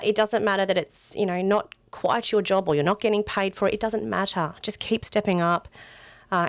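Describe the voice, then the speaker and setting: A hoarse woman with a croaky voice, earnestly answering interview questions as a political candidate. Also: on the low side, no echo. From Australia. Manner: earnest, campaign-style, with many fillers. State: hoarse, losing her voice.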